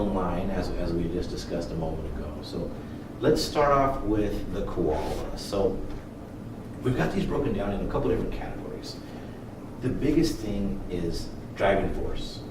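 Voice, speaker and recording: Deep male voice, casual joking podcast co-host, echoey distant recording, noisy background. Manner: informal, profane, joking. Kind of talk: casual explanatory podcast talk. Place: library room. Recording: roomy, distant mic with clear noise.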